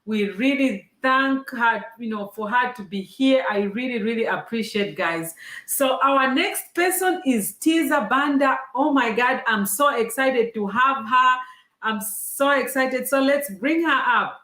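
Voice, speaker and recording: A woman hosts a casual online chat with a fairly high voice and lively enthusiasm. She keeps turning to her viewers, calling them guys. Her voice rings in a roomy, echoey space. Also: a little slow. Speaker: host.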